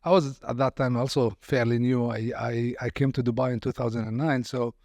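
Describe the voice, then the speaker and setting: A man's voice: medium pitch, steady tone, a little fast, darkish tone, no echo. A man hosting a podcast interview, welcoming his guest and asking questions with some hesitant restarts. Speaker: podcast host.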